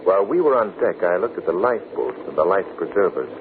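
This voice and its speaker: An actor playing a composed, resolute gentleman sleuth, polite and assured, in a 1940s radio drama. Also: sits low, big pitch swings, fast talker. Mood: puzzled, determined. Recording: noisy, tinny 1940s radio broadcast.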